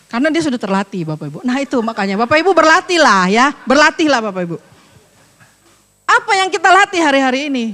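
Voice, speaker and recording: High-voiced woman pastor preaching. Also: fast, in a large hall. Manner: lively, joking, colloquial. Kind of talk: sermon.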